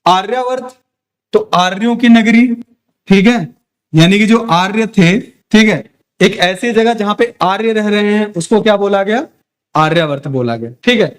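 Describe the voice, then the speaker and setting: A young male teacher with a high voice, lecturing a class. He keeps asking questions and answering them himself, checking in often to make sure his students follow. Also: measured pace, clean tone.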